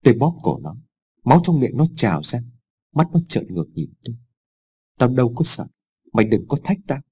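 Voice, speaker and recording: Male narrator as a terrified, guilt-ridden old father; stammering, husky, mellow. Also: medium pitch, very animated, fairly quick. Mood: crazed confession. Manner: stammering, half-mad confession.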